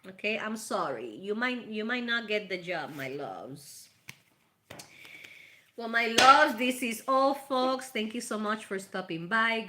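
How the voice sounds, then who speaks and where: A tarot reader from Puerto Rico runs a casual live session on her channel, sharing spiritual advice and chatting affectionately with those watching. Her mid-range voice is bright and forceful, and she speaks with a Puerto Rican accent, Spanish being her first language.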